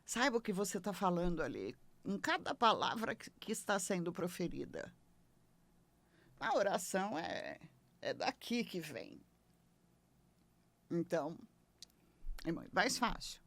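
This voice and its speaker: A woman with a Brazilian Portuguese accent hosting a late-night spiritual advice show, talking in an expressive, emphatic way with playful asides. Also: mid-range voice, slow pace, gravelly, pauses often, dry recording. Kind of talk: conversational spiritual teaching.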